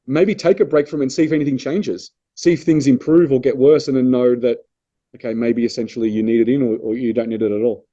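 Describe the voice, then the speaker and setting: A man co-hosting a coaching podcast, calmly explaining answers to listener questions. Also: medium pitch, quick pace. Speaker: prep coach podcast co-host. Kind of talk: casual podcast chat. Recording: dull lo-fi sound.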